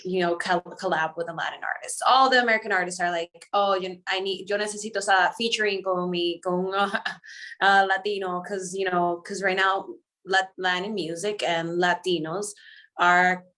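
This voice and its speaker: A woman's voice: mid-range voice, steady tone, moderate pace. A woman raised in the Dominican Republic, a singer guest who answers interview questions in a chatty way and slips between English and Spanish. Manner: chatty and warm, laughs often, switches between English and Spanish.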